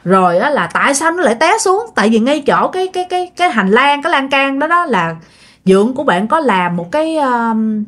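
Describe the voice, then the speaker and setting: A woman's voice: high voice, big pitch swings, fairly quick, a bit bright. A woman with a Southern Vietnamese accent telling a ghost story casually, talking straight to her listeners with plenty of fillers. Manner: chatty, addresses listeners, many fillers.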